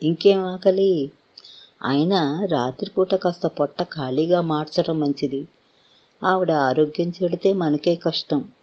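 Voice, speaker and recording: A man's voice: fairly high pitch, measured pace, a little mellow, dull audio. A man voicing a young wife who answers in a curt, offhand way. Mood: dismissive.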